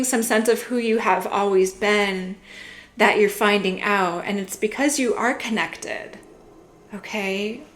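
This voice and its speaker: A young woman giving a casual tarot reading, musing gently and filling her talk with "like" and "you know". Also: mid-range voice. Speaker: tarot reader.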